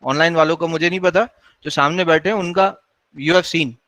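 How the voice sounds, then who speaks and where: A man's voice: on the high side, fairly even intonation, moderate pace, pushed and bright, no room sound, low-quality recording. A male university lecturer in a classroom, scolding and lecturing his students in a mix of Hindi and English.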